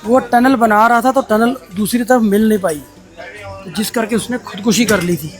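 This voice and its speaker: Male travel vlogger, casual and excitable, records on a moving train with music playing underneath. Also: high-pitched, moderate pace, some chatter behind. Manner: chatty, excited, addresses viewers as brothers. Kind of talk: casual travel vlog narration. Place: aboard a mountain toy train and on station platforms.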